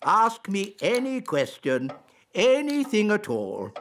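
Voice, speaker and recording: A man's voice: high-pitched, wildly swooping pitch, takes it slowly, a bit bright, a little hiss or hum, exaggerated voice. An actor playing a pompous old male elf in a British-accented children's cartoon, evasive when challenged. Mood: pompous, eager. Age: older.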